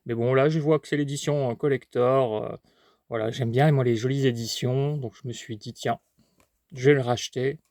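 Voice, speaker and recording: A man's voice: medium pitch, steady tone, moderate pace, darkish tone, dry recording, studio quality. Chatty man rambling through a haul. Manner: chatty and rambling, many fillers and restarts; talks while eating. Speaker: collector vlogger. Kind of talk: casual haul chat.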